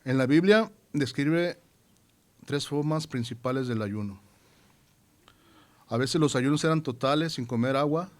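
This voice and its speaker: A man delivers a sermon in an earnest, mid-pitched voice. He repeats phrases for emphasis and reads scripture aloud with rising intensity. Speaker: preacher.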